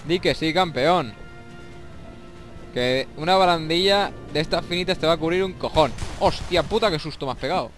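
A young man with a Spain Spanish accent giving excitable, swear-filled commentary over a shooter game and taunting the enemies. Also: on the high side, fast talker, few pauses. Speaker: gameplay commentator. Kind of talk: let's play commentary. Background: faint game music and gunfire.

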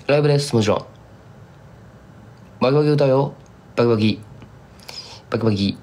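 Speaking at a brisk clip with a medium pitch and darkish tone, a young man chats loosely with fans during a live stream. He's a singer-songwriter from Kumamoto, Japan, and he wanders off topic, sliding into thick Kumamoto dialect.

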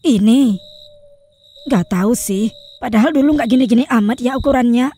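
A woman's voice: on the high side, moderate pace, mellow, husky. A woman voicing an old, devoted wife who has died and joined her husband as a ghost in a cartoon, affectionate and matter-of-fact. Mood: fond.

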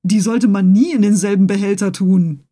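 A woman voicing a blunt, gruff male harpooner, grumbling and drawing out his words, in a storybook reading. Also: mid-range voice, fairly even intonation, moderate pace, mellow, soft background music, lightly acted. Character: blunt gruff Canadian harpooner, food-minded.

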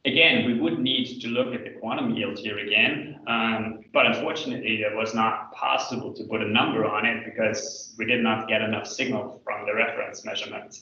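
A man gives a hesitant, hedging academic thesis presentation over a video call, in a very echoey room and far from the microphone. His voice is low and slightly gravelly, with halting explanations. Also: steady tone, bright, forceful tone, slight background noise. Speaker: PhD candidate presenting thesis defense. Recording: echoey room, distant mic, dull video-call sound.

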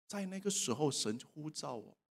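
A man preaching a sermon in a church service. He tells a personal testimony and asks the congregation questions, swinging between soft and loud. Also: a little high, lively intonation, moderate pace, creaky.

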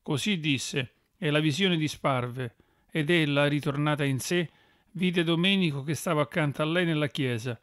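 A man narrating a religious audiobook in a measured, solemn way. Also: a little high, fairly bright tone, no room sound, clean studio sound.

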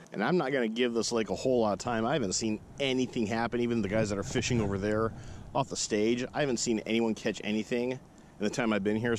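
A man with a fairly low voice talks through his fishing setup in a relaxed, teaching way. He is outdoors by a lake, recorded on a head-mounted action camera. Steady outdoor noise sits clearly behind his voice. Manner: relaxed, instructive, talking to camera while working. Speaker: fishing vlogger. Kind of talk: casual how-to narration. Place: outdoors at a sunny lakeshore.

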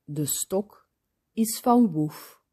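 Slow, breathy woman reading to children. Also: medium pitch. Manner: very slow, expressive, drops to whispers. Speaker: storyteller. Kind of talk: children's story read aloud.

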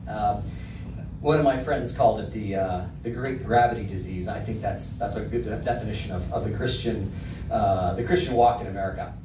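Speaking a little fast in a fairly low voice, a middle-aged pastor reads song lyrics with emphasis during a sermon, holding a handheld mic. The church hall has a projector screen and is filmed from the back. The sound is echoey, noisy and distant.

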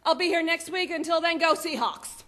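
A woman giving lively, chatty announcements to a church congregation, laughing often. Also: very high voice, normal speed, a little hiss or hum. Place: church sanctuary. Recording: long church reverb.

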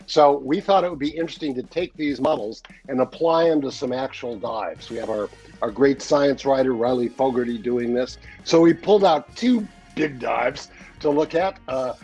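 A man's voice: mid-range voice, normal speed, a little mellow, faint music behind. A man in his sixties, the show's regular editor, chatting casually on a video call from a home study, rambling with many fillers and easy laughs. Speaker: newsletter editor, regular guest. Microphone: webcam on a video call.

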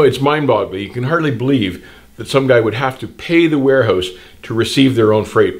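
An older man hosting a trucking channel, speaking straight to camera in blunt, plain-spoken, indignant advice talk and gesturing broadly, recorded in a small indoor studio. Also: medium pitch.

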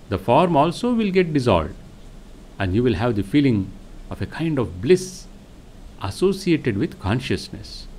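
A man giving a religious discourse as a monk, speaking in a slow, serene way with deliberate pauses and measured, instructive phrasing. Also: mid-range voice, darkish tone, a little hiss or hum. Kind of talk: religious discourse, reading from spiritual teachings.

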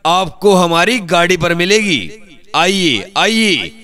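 Guy doing a melodic veggie vendor call, high voice, slow, calls out stuff one by one for a street ad recording. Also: animated, bright, forceful tone. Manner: repetitive calling out, listing items one by one. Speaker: vegetable vendor announcer.

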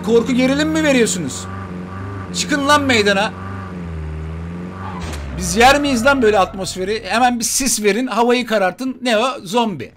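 A man commenting on his mobile shooter gameplay for viewers, excitable and joking, trash-talking enemies. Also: high-pitched. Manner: excitable, swears playfully, talks to viewers and enemies. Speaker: gaming YouTuber. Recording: gunfire and game noise behind.

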